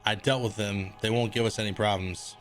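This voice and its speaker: A man with a lowish voice gives relaxed, casual commentary while streaming a video game. He thinks out loud, swears freely, and quiet game music runs underneath. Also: a little fast. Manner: laid-back, swears freely, thinks aloud. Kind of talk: casual gaming livestream commentary.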